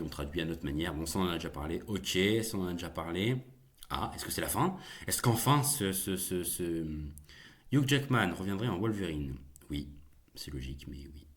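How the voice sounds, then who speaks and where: A young man hosting a casual solo video, chatty and jokey with viewers, rambling with many fillers and restarts. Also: low voice. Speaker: YouTube host reacting to film news.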